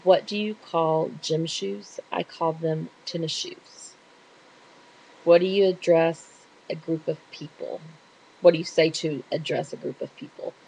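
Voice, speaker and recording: A woman's voice: low voice, steady tone, unhurried, gravelly, a little mellow, poor audio. A middle-aged woman with a Texas accent, chatting casually and rambling a little as she answers questions. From Texas, USA. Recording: hissy home recording.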